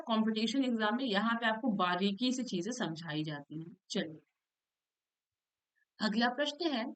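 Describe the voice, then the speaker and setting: A woman's voice: fairly high pitch, rough recording. A woman teacher going through exam questions in a lesson, explaining each answer patiently and often checking in with her listeners.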